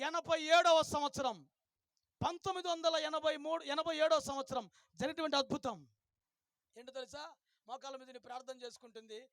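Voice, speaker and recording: A male pastor telling a story in a revival sermon, swinging from hushed to shouted and urging the crowd to clap and shout. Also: very high-pitched, no echo, clean studio sound.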